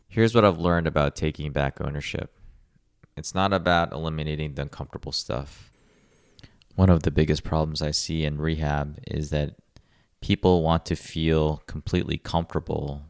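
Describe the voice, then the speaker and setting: A man hosting a rehab podcast, speaking in a calm, measured coaching tone in a scripted monologue. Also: rumbling low, no echo, clean studio sound. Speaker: podcast host, rehab clinician.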